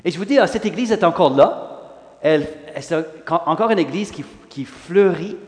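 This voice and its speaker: A man in his sixties from Western Canada, a pastor whose first language is English, giving an animated sermon testimony full of "là" fillers. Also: sits high, moderate pace. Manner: animated, rising in emphasis, frequent "là" fillers. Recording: long hall reverb.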